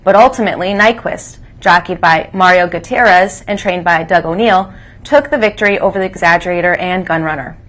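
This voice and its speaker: A woman's voice: on the low side, fairly quick, a bit bright. A woman reading scripted news and announcements as co-host of a school morning broadcast. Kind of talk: scripted announcements, read aloud.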